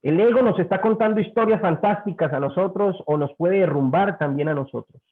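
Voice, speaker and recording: A male pastor teaches his congregation, telling lively anecdotes and putting on the voices of the people in them. His voice sits a little high for a man. The sound is thin and tinny, as if carried over a phone line. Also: a little fast. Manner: animated storyteller, acts out quoted voices. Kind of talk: sermon-style teaching.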